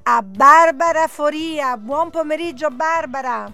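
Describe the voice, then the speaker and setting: A woman's voice: high voice, measured pace, bright, forceful tone. A woman radio host interviewing a guest in an eager, conversational way.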